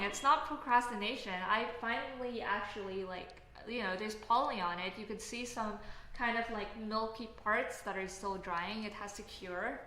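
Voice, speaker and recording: A Canadian woman, a software engineer, hosts a casual livestream where she reads comments, full of filler words and tangents. She has a Canadian accent and a sharp, medium-pitched voice, recorded in an echoey room with slight background noise and faint ambience.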